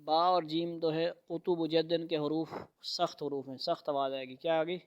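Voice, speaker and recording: A man teaching a Quran reading lesson in a classroom, patiently calling out letter sounds loudly and explaining how each one is made. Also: a little high, little pitch movement, lo-fi sound, very noisy. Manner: patient, repeats letters loudly for students to echo.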